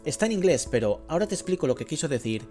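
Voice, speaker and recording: A man hosting a language lesson podcast, explaining in a lively, teacherly way. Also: fairly high pitch, quick pace, faint music behind. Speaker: host.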